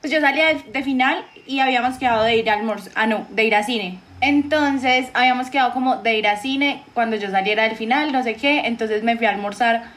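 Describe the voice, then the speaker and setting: A woman's voice: a little high, fairly quick, few pauses, a bit bright. A woman telling a story in casual chat, rambling with fillers.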